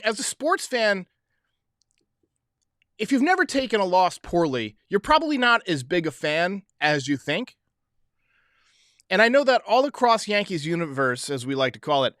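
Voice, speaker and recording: Man, sports podcast host, forceful bright voice, dry close sound, opinionated casual commentary. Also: fairly high pitch, no room sound.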